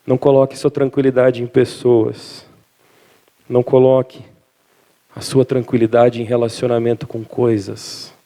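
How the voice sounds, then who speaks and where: In a church service, a man from Minas Gerais, Brazil preaches a sermon, entertaining the congregation with lively stories and jokes. His voice sits in the mid-range, and he speaks at a measured pace.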